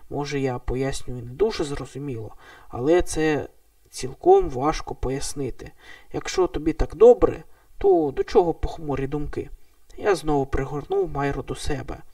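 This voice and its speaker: A man narrating an audiobook of a novel, reading the dialogue with lively rises for exclamations. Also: on the high side, dry recording, distant mic. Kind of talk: audiobook narration of a novel, voicing all characters.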